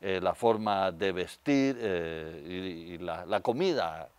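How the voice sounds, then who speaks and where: A man's voice: low voice, lively intonation, slow pace, darkish tone, smooth, no room sound. An older man with a Spanish accent from Spain, a guest telling stories in a studio interview, on a lapel mic. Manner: storytelling, gestures with hands, many fillers. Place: TV studio set.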